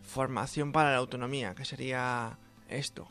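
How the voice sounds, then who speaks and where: A Spanish man in his twenties answers carefully and hesitantly, with a middling pitch. He sits a little away from the microphone. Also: fairly even intonation, moderate pace, a bit bright, faint music behind. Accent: Spanish from Spain. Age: 20s. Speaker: program participant.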